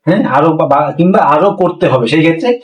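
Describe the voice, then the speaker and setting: A Bengali-speaking man teaching a language lesson, slowly repeating words to drill their pronunciation. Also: fairly high pitch, animated, echoey room, distant mic, rough recording.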